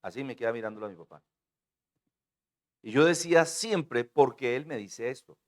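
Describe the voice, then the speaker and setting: A man preaching a sermon to his congregation, swinging between booming declarations and hushed asides and calling on the listeners to repeat his words. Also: animated, moderate pace. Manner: calls on the congregation to repeat and respond. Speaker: pastor.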